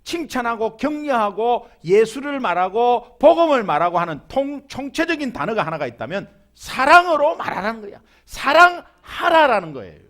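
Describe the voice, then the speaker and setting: A middle-aged male pastor from Busan delivers a sermon in a Gyeongsang accent. His voice sits high and leaps all over the place, and he plays out the people he quotes with humor. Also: a bit bright. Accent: Gyeongsang (Busan) Korean. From Busan, South Korea.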